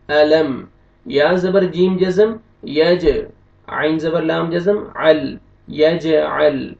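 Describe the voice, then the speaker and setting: A man with a Pakistani Urdu accent teaching Quran recitation, spelling out syllables and then chanting the verses slowly between brisk explanations. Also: sits high, vocal fry, a little mellow. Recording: dull lo-fi room echo from a distance.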